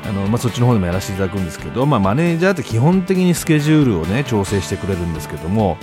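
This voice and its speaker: Loud, animated male comedian host. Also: lowish voice, racing, over music. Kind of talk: casual radio-style monologue.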